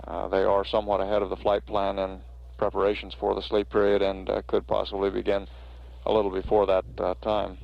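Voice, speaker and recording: Male mission announcer, gravelly and flat, halting factual delivery on a dull archival feed. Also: low-pitched. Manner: measured, hesitant official delivery. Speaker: mission control public affairs announcer. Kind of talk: halting factual status report.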